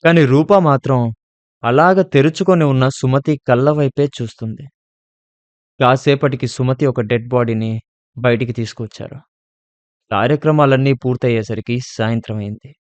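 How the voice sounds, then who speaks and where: A man narrating a scripted horror story in a steady, measured way. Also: medium pitch, dry recording.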